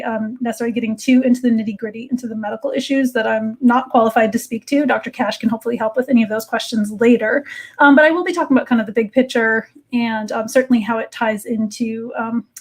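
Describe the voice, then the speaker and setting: A woman giving an educational slide talk in a conversational, explanatory manner, as an expert presenter. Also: on the high side.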